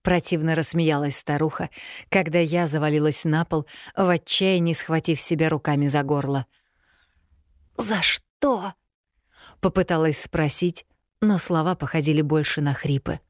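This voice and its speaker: A woman narrates a fantasy story in the first person, measured and dramatic. Her voice sits on the low side, and the recording is dry with no room sound. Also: steady tone, no room sound. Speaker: audiobook narrator.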